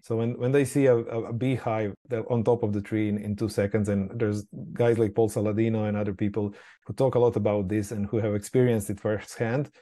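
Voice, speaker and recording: A man's voice: fairly low pitch, flat delivery, a little fast, mellow. A man from Croatia, a company founder being interviewed, talking casually with many repeated words and fillers. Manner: hesitant, frequent word repeats and fillers. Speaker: skincare company founder, guest.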